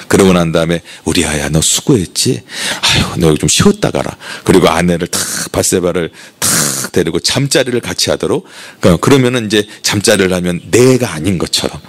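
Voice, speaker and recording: A male pastor preaching a sermon, telling the story vividly and putting questions to the congregation. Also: deep voice.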